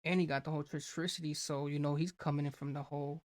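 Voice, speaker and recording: A man's voice: a little high, fairly even intonation, quick pace. A man hosting a reaction video, rambling loosely with lots of fillers and restarts. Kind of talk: casual reaction commentary.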